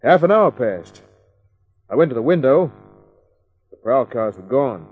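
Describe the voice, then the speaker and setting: An actor playing a hard-boiled private eye, who narrates and trades dry cracks in a vintage radio drama. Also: male voice, medium pitch, big pitch swings, measured pace, breathy edge, narrow, tinny audio. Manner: dry, wisecracking. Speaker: narrator and lead. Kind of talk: 1940s radio acting.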